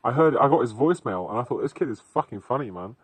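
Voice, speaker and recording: A man's voice: mid-range voice, lively intonation, fast talker, breathy edge, no echo. A young British man rambling casually as a podcast host, with dry humour and plenty of swearing and slang. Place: outdoors in a field at night.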